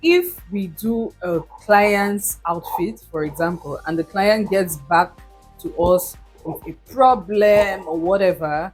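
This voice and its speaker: A husky-voiced woman in her thirties gives business advice straight to camera, emphatic and direct with her viewers. Soft music plays faintly behind her. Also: lowish voice. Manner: direct and emphatic, addresses viewers, laughs often. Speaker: business owner giving advice. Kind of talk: motivational talk to camera.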